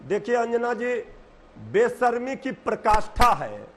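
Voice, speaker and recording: A man's voice: very high-pitched, sing-song, a little slow, slight background noise. A man arguing combatively as a party spokesperson in a heated TV debate, talking over others. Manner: combative, pleading then shouting over others.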